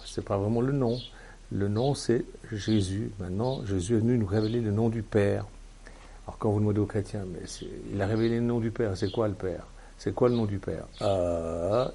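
Gravelly low-voiced male preacher. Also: mellow, a little hiss or hum. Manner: teaching, emphatic bursts and frequent fillers. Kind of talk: sermon.

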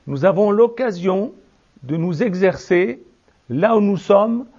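A man's voice: animated, slow, slightly rough. Man, preacher, sermon, fervent, rhetorical, lo-fi sound. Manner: fervent, rhetorical, swings from low to shouting.

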